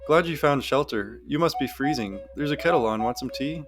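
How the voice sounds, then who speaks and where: A man's voice: mid-range voice, a little fast, music in the background, close to an everyday voice. A man voicing a polite, slightly hesitant young woman in a story. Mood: friendly. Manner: polite and hesitant, soft fillers.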